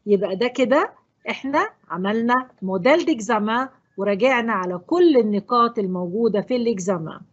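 Lively, breathy Egyptian woman teacher. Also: on the high side, highs cut off. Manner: explains in French with quick Egyptian Arabic asides. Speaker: French teacher. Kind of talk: exam review lesson.

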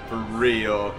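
A man giving let's play commentary, muttering quietly and then yelping, screaming and laughing when startled. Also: on the low side. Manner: quiet, mumbled asides between outbursts. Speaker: gaming channel host. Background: game music.

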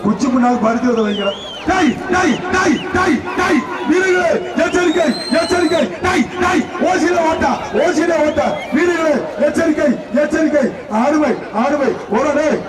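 Man shouting over a loudspeaker. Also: very high-pitched, moderate pace, very noisy. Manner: excited, shouting warnings and cheers. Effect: voice heard through a loudspeaker. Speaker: bull-taming event announcer. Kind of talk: live event commentary. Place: outdoor event ground. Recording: echoey loudspeaker from far off with loud crowd.

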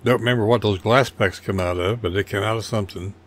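A man's voice: fairly low pitch, fairly even intonation, quick pace. An older man casually narrating his model car build over photos, rambling and folksy with a self-deprecating humor.

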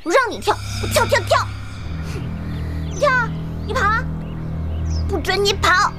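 An actress playing a young devoted daughter in a period TV drama, anxious and emotional. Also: female voice, extremely high pitch, expressive, a little slow, loud music behind the voice. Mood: scolding playful.

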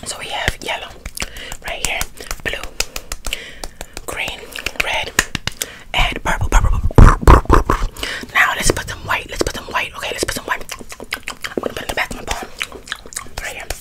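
A young woman doing an ASMR whispered role-play in a breathy whisper with wet mouth sounds, rapidly repeating words close to the mic in a room at home. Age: young adult. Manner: whispers with rapid repetition of words and trigger phrases. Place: small indoor room at home.

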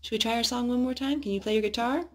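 At home in the living room, a parent reads to young children and sings with them, using simple, instructive language and asking them questions. Her voice is a little high, and she talks fast in a storytime, sing-song manner.

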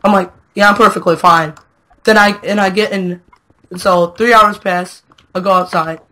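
A man's voice: sits high, steady tone, moderate pace, pushed and bright. A young man in casual chat, joking and laughing as he tells a school story. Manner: joking, teasing, laughs often. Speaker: podcast co-host.

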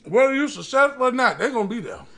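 Male eating-show host, bright forceful voice with gravelly edge, preaching motivation between chews. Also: very high-pitched, sing-song. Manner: chewing and eating while talking; emphatic, preacher-like delivery with dramatic pauses. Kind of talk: motivational talk to camera. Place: small indoor room.

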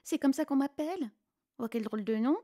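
A woman's voice: sits high, fairly quick, warm tone, lightly acted. A woman voicing a chatty, curious little chick who keeps asking questions in a storybook read-aloud. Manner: inquisitive, piping questions.

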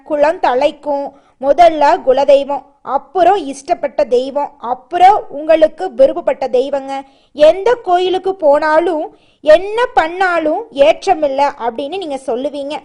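A woman with a high voice and a Tamil accent gives spiritual advice. Her delivery is brisk and colloquial, speaking directly to the listener as if chatting. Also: dark tone. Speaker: astrology presenter.

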